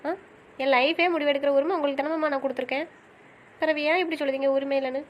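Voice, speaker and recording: Actress for a young college girl, stubborn and pleading, rapid-fire delivery. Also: high-pitched, fairly even intonation, dull audio, a little hiss or hum, lightly acted. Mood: hurt. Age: young adult. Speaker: voice actor. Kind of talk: audio drama acting.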